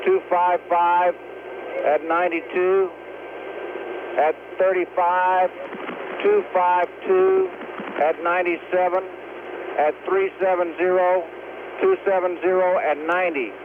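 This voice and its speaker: A man's voice: level tone, takes it slowly, long pauses. A man, a pilot, giving an air-to-ground report over walkie-talkie radio, casual and a bit hesitant between terse figures. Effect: radio transmission. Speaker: pilot flying a weather check. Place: aircraft in flight. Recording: noisy narrow-band walkie-talkie radio link, vehicle rumble.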